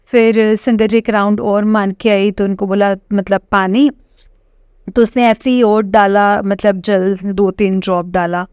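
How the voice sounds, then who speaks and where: A woman's voice: mid-range voice, little pitch movement, darkish tone, smooth, dry recording. Middle-aged woman, devotee giving testimony; hesitant, stop-start delivery; dry, close recording. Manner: hesitant, halting, addresses listeners as congregation.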